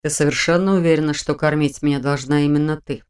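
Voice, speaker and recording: A grumbling, bedridden general with a lowered, softer voice, put on by a woman reading a fantasy audiobook. He sounds wry and teasing, speaking quietly. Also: steady tone, a little fast, smooth, close to an everyday voice.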